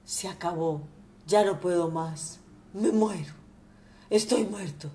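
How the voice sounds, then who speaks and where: A woman's voice: on the low side, takes it slowly, warm tone, voice pushed down. A woman voicing an old miserly father who rages and wails over his lost money, in shrieking, desperate outbursts. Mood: despairing.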